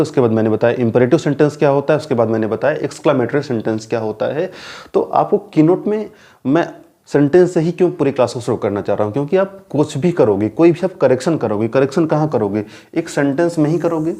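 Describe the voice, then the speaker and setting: A man with an Indian accent teaching a grammar lesson. He keeps posing rhetorical questions, answers them himself, and repeats key terms slowly. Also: mid-range voice, mellow. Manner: mixes English terms into explanations. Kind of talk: classroom grammar lecture.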